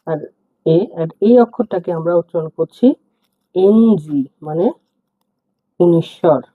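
Slow, husky man teaching letters. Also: sits high, no echo. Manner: repeats each word and meaning patiently. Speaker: language teacher. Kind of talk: slow spoken alphabet lesson. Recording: tinny phone-like sound.

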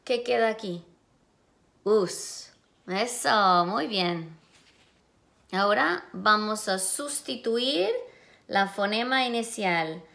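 A woman teaching a class of young children speaks at a very slow, deliberate pace. She pulls each syllable apart into its separate sounds and patiently prompts the class to repeat after her. Her pitch sits in an ordinary middle range. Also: expressive, gravelly, a bit bright. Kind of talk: phonemic awareness lesson for children.

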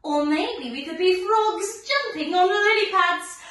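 Overbright like a kids' party host, this young-adult pre-school ballet teacher has a very high, fairly bright voice and an unhurried pace. She coaxes small children with questions, gasps and oohs through a lesson and story. It's picked up by a distant camera microphone in a wooden-floored living room, with roomy echo and faint music.

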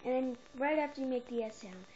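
A woman's voice: high-pitched, quick pace, darkish tone, dull audio, a little hiss or hum. A woman vlogger giving an offhand, easygoing beatboxing tutorial with filler words. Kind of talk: casual tutorial.

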